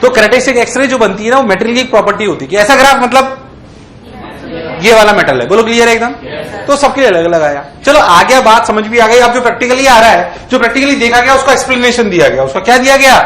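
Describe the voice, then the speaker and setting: A man lecturing on physics in a lively way, often asking the class if it is clear. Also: extremely high pitch, fast. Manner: acts out electrons in playful voices. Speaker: physics teacher. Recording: echoey classroom.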